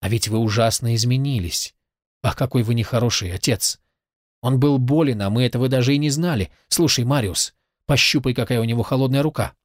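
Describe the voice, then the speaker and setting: A man's voice: mid-range voice, a little fast, dry recording, lightly acted. Guy reading a chatty playful young woman, audiobook, dry sound. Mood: chatty, affectionate.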